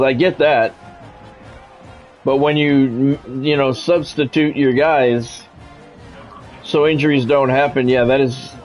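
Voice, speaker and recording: With a mid-range, darkish voice, the streamer gives announcer-like play-by-play of a football video game, peppered with wry, grumbling and sometimes profane asides. The recording is rough.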